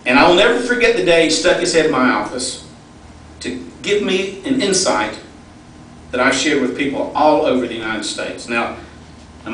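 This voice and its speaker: A man's voice: mid-range voice, fairly bright tone. A middle-aged man giving a personal, folksy storytelling speech at a fundraising event. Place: large event hall. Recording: echoey hall, distant mic, faint noise.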